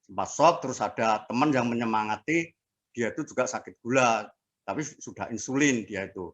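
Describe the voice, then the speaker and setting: Halting man in his sixties. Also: mid-range voice, dull audio. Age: 60s. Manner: halting, with fillers and restarts. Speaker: interviewee sharing a health testimony. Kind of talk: casual personal testimony.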